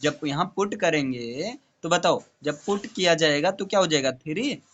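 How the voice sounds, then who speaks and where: A man's voice: on the high side, normal speed, a bit bright, lo-fi sound. A male tutor teaching maths to a student, explaining step by step and checking in often. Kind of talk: classroom maths lesson.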